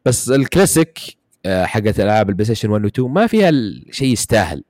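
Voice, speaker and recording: Man, Saudi Gulf accent, very fast rambling casual chat, dry close sound. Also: lowish voice, sing-song, darkish tone, dry recording. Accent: Gulf Arabic, Saudi. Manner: rapid, rambling, many fillers and restarts.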